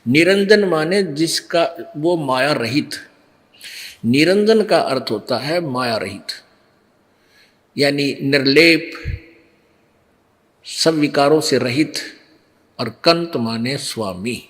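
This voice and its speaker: A man's voice: on the high side, animated, fairly bright tone. A man preaching a devotional sermon, telling a story and acting out what the figures say. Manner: slow storytelling that acts out the figures' lines.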